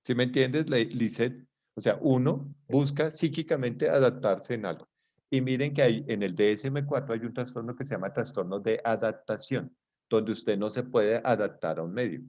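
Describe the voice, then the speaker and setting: A man's voice: medium pitch, normal speed, darkish tone. A man giving a live psychology class in a conversational way, often checking whether students follow. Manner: conversational, checks understanding with rhetorical questions. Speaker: psychology lecturer. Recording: dull lo-fi recording.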